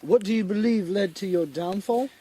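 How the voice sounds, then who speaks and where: A man's voice: high-pitched, normal speed, dark tone. A man asking questions as the interviewer in a mock-documentary. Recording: clearly noisy background ambience.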